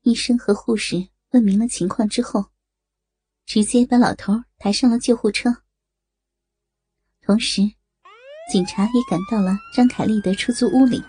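A woman narrating a scripted story in a steady storytelling manner. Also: a little high, normal speed, long pauses, husky.

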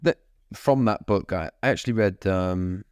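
A man's voice: sits low, normal speed, a little mellow, clean tone, no room sound, studio quality. A man hosting a podcast, chatting casually and easily with plenty of fillers. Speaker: podcast host. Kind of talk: casual chat.

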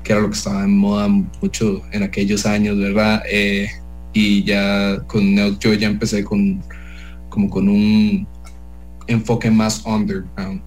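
Low, flat-voiced man. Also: measured pace, soft background music, low-quality recording. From El Salvador. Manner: hesitant, full of "eh" and restarts. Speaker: DJ guest. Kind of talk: casual radio interview.

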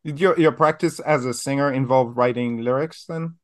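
Male podcast host, formal and measured, hesitant fillers between phrases. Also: medium pitch. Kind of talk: interview hosting.

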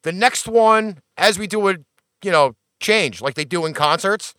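A man's voice: high-pitched, animated, unhurried, bright, forceful tone, dry recording, clean studio sound. A man hosting a music show, introducing tracks in a brash, blunt and playfully defiant way as he hypes up the audience.

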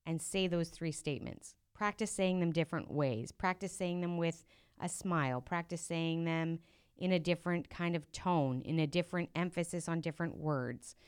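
On her solo coaching podcast, a business coach addresses listeners head-on, encouraging them and tossing out frequent rhetorical questions. She is a profit coach with a lowish, clear, resonant voice.

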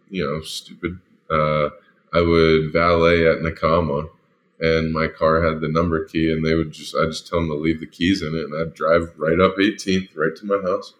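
Man, very low voice, loose rambling storytelling, lots of filler words. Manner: loose and rambling, full of "like" and "you know". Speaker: storyteller, former football lineman. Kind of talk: casual spoken anecdote.

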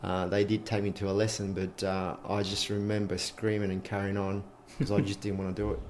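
Man, 40s, from Chile, interview guest, relaxed and chatty, lowish voice, faint background noise. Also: brisk. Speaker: interview guest, former player and coach. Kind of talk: casual interview answers. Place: his home.

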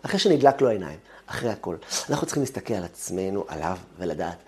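A man giving a talk on the weekly Torah portion, telling family stories and acting out their quotes. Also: low-pitched. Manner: animated storytelling with acted-out quotes. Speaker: religious teacher.

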